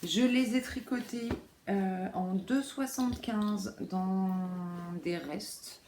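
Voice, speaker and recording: A woman's voice: mid-range voice, slow pace, a little mellow, reverberant, a little hiss or hum. A woman hosting a knitting podcast, talking casually with many fillers and asides, in a room at home by a window. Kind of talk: casual chat.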